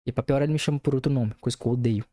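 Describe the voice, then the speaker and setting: Speaking very fast in a dark, medium-pitched voice that stays steady, a young man uses his laid-back podcast to angrily vent about his job, with plenty of swearing.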